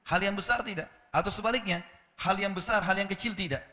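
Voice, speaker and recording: A man's voice: fairly quick, long reverb tail. A man preaching a sermon, telling a story with acted-out dialogue and asking the listeners rhetorical questions. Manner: animated storytelling, acting out dialogue with rising pitch.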